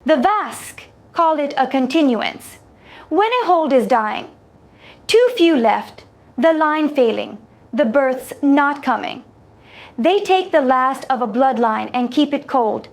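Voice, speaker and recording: Using a high voice and fully committing to the character, a woman portrays an alien trader in a sci-fi tale. The trader is calm and exacting, with formal, carefully measured wording.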